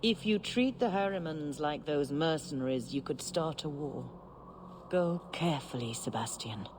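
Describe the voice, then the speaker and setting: A grave older church leader: calm, admonishing, over hiss. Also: female voice, sits low, moderate pace. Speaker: game character.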